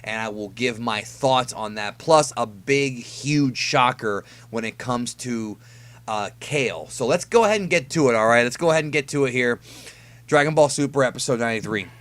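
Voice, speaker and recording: A man's voice: mid-range voice, lively intonation, moderate pace, a bit bright. A man hosting casual fan commentary on an anime episode preview, talking conversationally and stressing key words. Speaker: YouTube host reviewing an anime episode preview.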